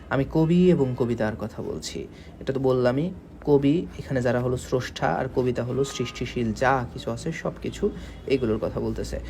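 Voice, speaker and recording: A man from Bangladesh gives an exam-prep literature lesson in a warm, mellow voice. He works through the material methodically, slowing down to spell out words and checking often that his students follow. A faint hiss sits under the recording. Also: medium pitch. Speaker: Bengali literature teacher.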